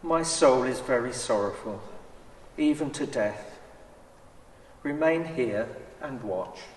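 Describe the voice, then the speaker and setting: A man playing Jesus as a solemn, measured, authoritative teacher in a dramatised church scripture reading. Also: medium pitch, lively intonation, a little hiss or hum. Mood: sorrowful. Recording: echoey church hall, far from mic.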